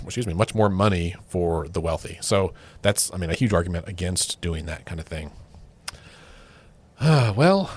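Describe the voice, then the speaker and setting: Casual man co-hosting a podcast. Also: lowish voice. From Oklahoma. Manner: conversational, many fillers and restarts. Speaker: podcast co-host. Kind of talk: casual political chat.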